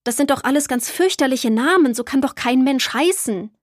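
A woman's voice: sits high, expressive, normal speed, no echo, clean studio sound, pitched above the performer's own voice. Woman playing an eager young girl. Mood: worried. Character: young girl, curious and caring.

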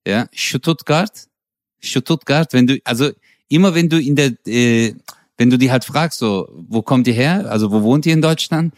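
A man's voice: mid-range voice, moderate pace, darkish tone, dry recording, clean studio sound. A man co-hosting a casual comedy podcast, joking and imitating how people pronounce words. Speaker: podcast co-host.

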